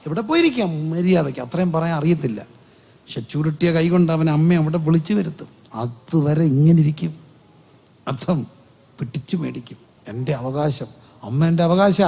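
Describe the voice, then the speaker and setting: A man's voice: on the high side, vocal fry, mellow. A man preaching a sermon as pastor, with a Keralite Malayalam accent, asking the congregation rhetorical questions and drawing out emphatic phrases.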